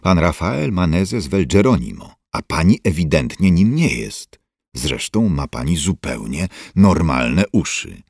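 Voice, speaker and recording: A man's voice: low voice, sing-song, a little slow, gravelly, a little mellow, husky, no echo, studio quality, full character voice. A man voicing a caustic young witch-like woman. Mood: irritated. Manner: caustic, irritated. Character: irritated young woman on a flying carpet.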